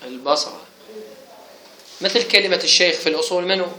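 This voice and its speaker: A man's voice: high-pitched, fast, pushed and bright. A man teaching grammar in a classroom, explaining points and quizzing his students. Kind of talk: classroom lecture. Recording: echoey room.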